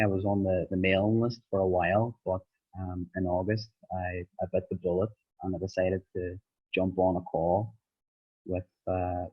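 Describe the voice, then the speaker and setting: A husky, low-voiced Irish man, a student being interviewed, talks casually and hesitantly with lots of ums and rambling. The recording has a dull lo-fi sound.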